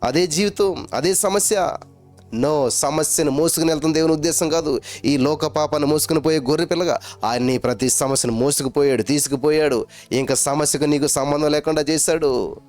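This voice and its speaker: A man preaching a sermon as a pastor, fervent and emphatic, building to loud exclamations. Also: on the high side, moderate pace, soft background music.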